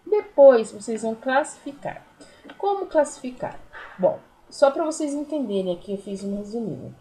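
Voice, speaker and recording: With a fairly high, dark-toned voice, a primary school teacher with a Brazilian Portuguese accent speaks expressively at normal speed during a recorded remote lesson. She patiently explains things to young pupils, counting syllables aloud and using many diminutives. The recording sounds rough.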